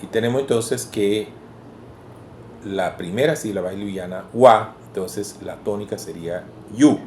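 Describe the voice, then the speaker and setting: Slow, deliberate male language teacher. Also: lowish voice, a little mellow. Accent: Venezuelan Spanish. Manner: slow and deliberate, spells out syllables one by one. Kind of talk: explanatory lecture. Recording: echoey room with faint background hiss.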